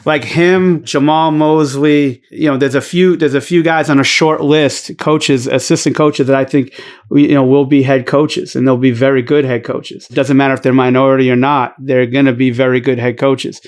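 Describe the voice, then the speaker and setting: A man with a Boston accent, a podcast guest talking bluntly and emphatically, with some swearing and plenty of restarts. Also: mid-range voice. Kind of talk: casual podcast chat.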